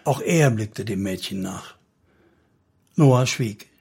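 A man narrating a solemn story in steady, scripted audiobook style. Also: on the low side, slow, breathy edge.

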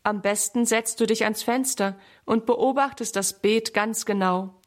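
Woman reading a calm, caring storybook mother. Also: fairly high pitch, a little slow, lightly acted. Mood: kind.

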